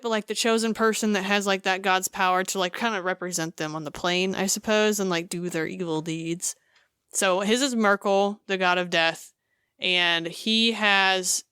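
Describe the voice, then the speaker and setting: A woman co-hosting a podcast, recounting a game scene in casual chat, animated and full of fillers. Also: medium pitch, clean tone, dry recording, clean studio sound. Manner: animated storytelling with many fillers. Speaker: podcast co-host.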